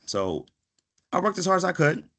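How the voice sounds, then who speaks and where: In a fairly high, sing-song, fairly bright voice at a moderate pace, a man in his thirties gives students a reflective and conversational motivational talk, regularly tossing in "right?". A psychiatric pharmacist born in Ghana and raised around Washington, D.C. from age five, he's a guest in an online video session.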